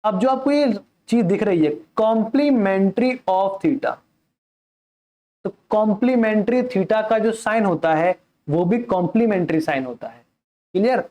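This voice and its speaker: A man's voice: sits high, dark tone. A male math teacher giving a classroom lecture who mixes English terms into his Hindi and keeps asking questions and then answering them himself.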